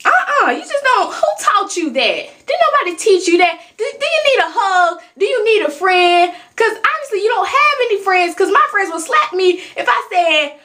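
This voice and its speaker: A woman from Alabama with a Southern accent, ranting and scolding in a vlog. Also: normal speed. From Alabama, USA. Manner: sassy, scolding, preachy; animated, swings between loud outbursts and low mutters. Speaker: YouTuber. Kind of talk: ranting straight-to-camera vlog.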